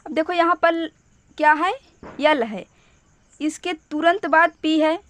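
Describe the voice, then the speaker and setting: A woman teaching spelling step by step, patient and repeating each point slowly. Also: high voice, fairly even intonation, a bit bright.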